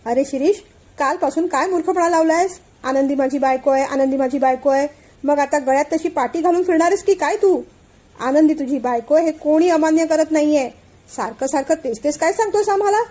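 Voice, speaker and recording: Storybook father, firm yet doting, scolding gently, read by a woman in a high, mellow voice. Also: natural voice. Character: fond, firm father and company boss.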